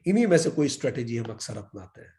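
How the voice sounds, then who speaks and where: A man's voice: medium pitch, big pitch swings, fast talker, mellow. A man teaching a yoga class in a lecture style, asking his audience questions and acting out people's excuses in quoted voices.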